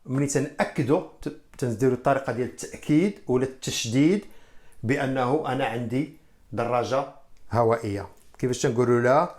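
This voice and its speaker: A man with a Moroccan Arabic accent gives a beginner English lesson at the board. He explains in quick Arabic and says the English example sentences slowly, one word at a time. His voice sits at an ordinary middle pitch. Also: darkish tone. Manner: switches between Arabic and slow, drawn-out English, repeating example sentences. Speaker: English teacher.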